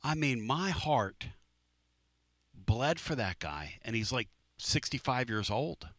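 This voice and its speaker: Man, sports radio host, bright voice, dry studio sound, storytelling, repeats himself. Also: medium pitch, lively intonation, slow pace, no echo. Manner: storytelling, repeats phrases, emphatic. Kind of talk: casual radio talk.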